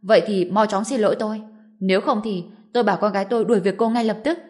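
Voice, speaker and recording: A woman's voice: mid-range voice, fairly quick, a little mellow, natural voice. A woman voicing a cruel, arrogant middle-aged grandmother who scolds and sneers shrilly in a storybook. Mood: haughty.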